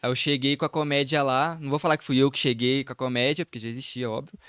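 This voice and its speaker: A young man, a guest in a casual interview, relaxed and quick to laugh as he chats in slang. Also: mid-range voice, clear, resonant tone, no room sound, clean studio sound. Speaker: guest, comedy content creator.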